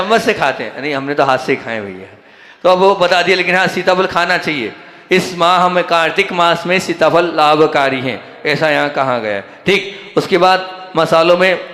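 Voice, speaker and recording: A man's voice: fairly high pitch, a bit bright. A man from central India giving a conversational sermon, asking the audience questions and answering them himself. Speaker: Jain monk giving a discourse. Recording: echoey hall.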